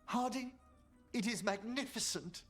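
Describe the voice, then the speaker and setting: A man's voice: extremely high pitch, a little slow, fairly bright tone, soft background music. An actor playing a refined, earnest elderly male necromancer in a video game, speaking with formal, precise diction. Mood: delighted.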